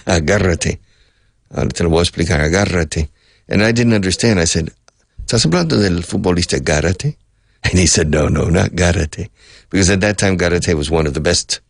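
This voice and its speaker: A man's voice: deep voice, vocal fry, no room sound, studio quality. An older man, a radio host, telling a rambling personal story from his youth and correcting himself as he goes. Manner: rambling, reminiscing, with self-corrections. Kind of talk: storytelling monologue.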